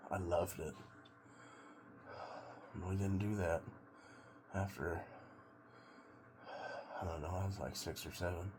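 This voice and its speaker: Middle-aged American man, low voice, unhurried and halting casual vlogger, water noise clearly audible behind him. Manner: laid-back, musing, halting. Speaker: vlogger doing a cold plunge challenge. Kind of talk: casual rambling vlog monologue.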